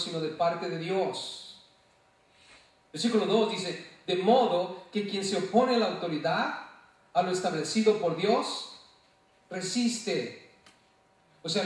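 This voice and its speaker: A man preaches from the pulpit with a fairly high voice, firing questions at his congregation and answering them himself. He sounds a little off-mic, and the whole church rings around him with heavy echo. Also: far from the mic. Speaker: pastor. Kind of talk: sermon. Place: church sanctuary. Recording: very echoey hall, voice from off-mic.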